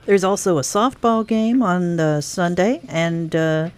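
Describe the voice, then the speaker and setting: A woman hosting a radio interview, briskly running through a list of upcoming events in a promotional manner. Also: fairly low pitch, a little mellow, clear, resonant tone. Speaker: radio show host. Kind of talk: scripted-sounding radio interview.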